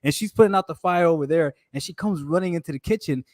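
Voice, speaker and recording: A man with a slightly high voice tells a story in casual chat, jumping up in pitch as he acts out what he said. His voice sounds close and dry, with no room around it. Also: fast talker, no echo. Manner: animated, acts out his own quotes in a raised voice. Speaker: co-host telling a date story.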